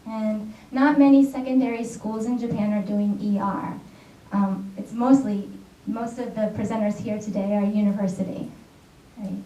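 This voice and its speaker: In a conference hall, an American secondary school teacher talks chattily in a warm, mid-range voice with fairly even intonation and moderate pace. She repeatedly checks in with "right?" and "all right?", captured from afar in echoey, dull sound.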